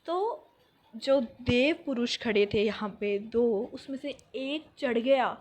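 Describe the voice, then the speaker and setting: A woman's voice: fairly high pitch, slow. A young woman telling a school story in a storytime vlog, acting out what people said and dropping in English phrases. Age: young adult. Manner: animated, acts out quotes, mixes in English phrases. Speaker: vlogger.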